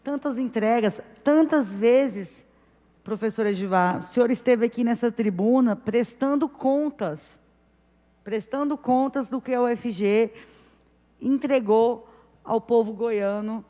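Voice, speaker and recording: A woman's voice: medium pitch, dark tone. Impassioned woman councillor in an echoing chamber. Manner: emphatic, impassioned, repeating phrases. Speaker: city councillor chairing the session. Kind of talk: impassioned political speech.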